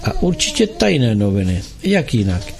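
A man's voice: medium pitch, wildly swooping pitch, creaky, darkish tone. A man doing a stern doctor father. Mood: suspicious. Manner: stern, scolding, authoritative. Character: stern middle-aged country doctor and father.

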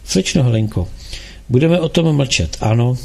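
A man reading aloud, voicing a kind, gentle male music teacher who talks softly and reassuringly. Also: medium pitch, lively intonation, creaky. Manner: soft, reassuring.

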